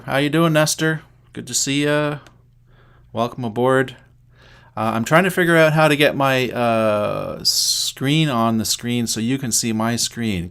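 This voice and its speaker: A man's voice: fairly low pitch, fairly bright tone. A middle-aged man from Canada hosting a casual livestream, chatting to viewers by name and thinking aloud as he sets things up. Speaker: livestream host.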